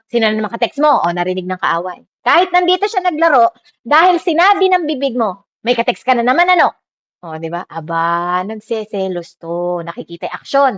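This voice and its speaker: Lively woman preaching a conversational sermon. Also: a little high. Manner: lively, peppers talk with tag questions. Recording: dull lo-fi recording.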